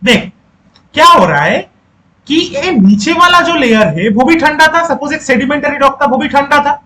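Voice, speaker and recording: A man's voice: extremely high pitch, expressive, moderate pace, pushed and bright, a little hiss or hum, poor audio. A male teacher giving a lecture who repeats key points, quizzes the class and coaxes students to speak up.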